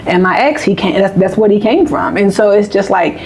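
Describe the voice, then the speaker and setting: A woman's voice: medium pitch, animated, a little fast, darkish tone, a little hiss or hum, low-quality recording. A woman in her late twenties or thirties, co-hosting a podcast in candid, emphatic casual conversation. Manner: candid, emphatic, repeats phrases. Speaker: podcast co-host.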